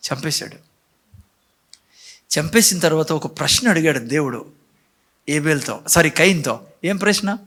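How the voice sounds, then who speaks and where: High-voiced animated preacher man. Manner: animated preaching, rhetorical questions, voices God and Cain in dialogue. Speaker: pastor. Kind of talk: sermon.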